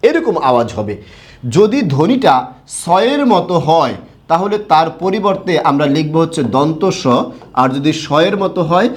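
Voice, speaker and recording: A man teaching Bengali pronunciation in an online lesson, who asks the class questions, answers them himself and spells words out slowly letter by letter. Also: a little high. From Bangladesh.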